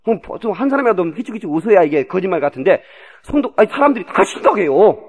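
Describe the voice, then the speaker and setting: A male pastor, preaching a sermon in a church, animated and swinging from shouts to a hush, from an old cassette tape. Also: sits high, quick pace, slightly rough. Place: church sanctuary.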